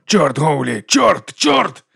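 A man's voice: medium pitch, fast talker, a bit bright, dry recording, studio quality. A man doing a jittery, rattled cop. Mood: panicked. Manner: rattled, blurting curses. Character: jittery, excitable male police officer.

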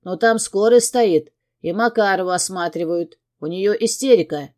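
A woman's voice: mid-range voice, darkish tone, close to an everyday voice. A woman voicing a nervous male henchman. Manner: nervous, quick. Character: nervous male bodyguard and driver. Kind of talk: audiobook character voice.

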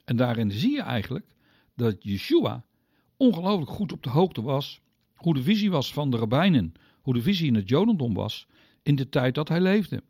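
A man teaching the Bible on the radio, speaking directly to his listeners and explaining step by step, with sudden pitch leaps on key words. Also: very animated, moderate pace, a little mellow, breathy edge, no echo, clean studio sound.

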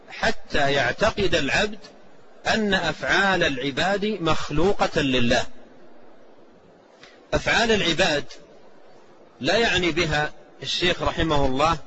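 A man teaching a classical creed text as a sheikh, explaining it in measured phrases, repeating key words and reciting quoted verses and sayings. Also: on the high side, sharp tone. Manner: recites quoted scripture and hadith. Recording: slightly dull lo-fi recording with faint hiss.

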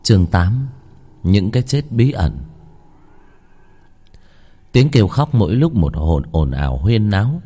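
A man reading a ghost story aloud in measured, dramatic storytelling. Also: on the low side, very animated, warm tone, breathy edge. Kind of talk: scripted ghost-story narration.

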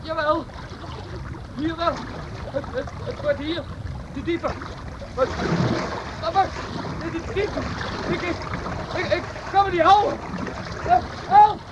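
Very high, youthful voice of a bold boy adventurer in a radio play. He is eager and stammers when strained. Rushing water makes the recording clearly noisy. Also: steady tone. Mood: strained, panicking. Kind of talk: Dutch audio drama acting.

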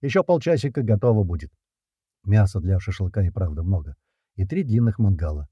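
A man's voice: low-pitched, expressive, fairly quick, warm tone, breathy edge, no room sound, lo-fi sound. A man narrating an audiobook in the first person, casual and slangy.

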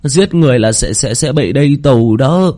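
A man's voice: mid-range voice, animated, moderate pace, warm tone, pitched above the performer's own voice, lightly acted. A man voicing a panicky young male student who stammers and trips over his words in an audio story. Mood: panicked. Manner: stammering, flustered.

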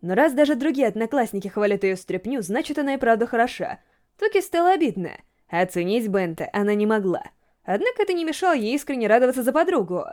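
A woman narrating a story aloud with a steady, expressive reading. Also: fairly high pitch, quick pace. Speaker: audiobook reader.

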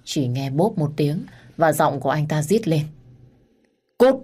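Female storyteller, deep voice, steady dramatic first-person narration. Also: moderate pace, husky.

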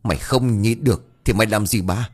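A man's voice: lowish voice, fairly quick, slightly rough. A man voicing a shrewish, jealous older first wife who scolds shrilly and wails theatrically. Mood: scornful. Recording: faint background music.

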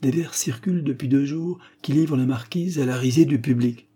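A man's voice: mid-range voice, fairly quick, mellow, slightly rough, voice pushed up, natural voice. A man playing a smug mocking marquis. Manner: mocking, self-assured.

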